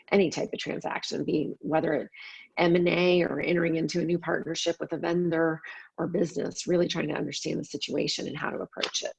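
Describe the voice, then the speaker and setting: A woman panelist speaking in an earnest, steady way, with a gravelly, husky voice. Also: low voice, no room sound, rough recording. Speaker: panelist, business leader. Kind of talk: panel discussion.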